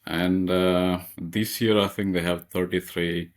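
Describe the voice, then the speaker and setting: A man's voice: sits low, flat delivery, a little slow. A young man from Nepal, a master's student being interviewed, who speaks hesitantly with lots of fillers. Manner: hesitant, many fillers and restarts.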